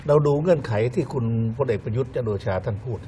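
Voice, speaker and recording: A man's voice: medium pitch, dark tone. Male news panelist, wry and methodical, casual chat, faint noise. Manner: wry, deliberate, lists points one by one. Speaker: news talk show panelist.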